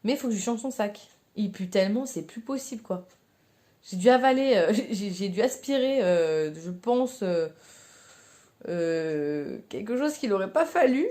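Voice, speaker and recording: Very mellow Frenchwoman chatting casually. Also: medium pitch, animated, a little slow. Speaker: vlogger. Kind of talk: casual chatty vlog about daily chores.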